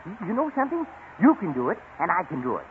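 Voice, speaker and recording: A man's voice: high voice, huge pitch swings, fast, slight background noise. A meek stammering father. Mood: timid. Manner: timid, stammering, giggly. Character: meek timid middle-aged family man. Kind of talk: 1940s radio acting. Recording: tinny old radio broadcast.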